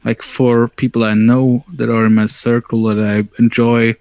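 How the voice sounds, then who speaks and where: A man explaining his point in a halting way during a casual group discussion. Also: medium pitch, little pitch movement.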